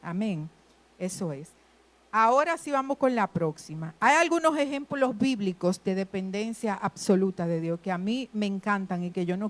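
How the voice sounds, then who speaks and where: A woman preaching a sermon in a lively way, acting out the voices she quotes. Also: mid-range voice. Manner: animated, acts out quoted voices.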